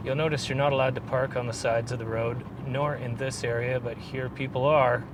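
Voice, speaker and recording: A man's voice: medium pitch, steady tone, fairly quick. A man chats casually to viewers in a laid-back, rambling way as he narrates a drive. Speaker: vlogger filming a drive. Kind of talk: casual driving vlog narration, chatting to viewers. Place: inside a moving car. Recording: clear vehicle noise. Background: car and road noise.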